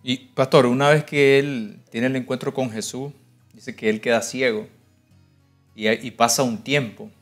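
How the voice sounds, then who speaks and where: A man's voice: medium pitch, steady tone, measured pace. A man with a Nicaraguan Spanish accent, the host of a TV program, asking the pastor a polite question. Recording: faint music behind.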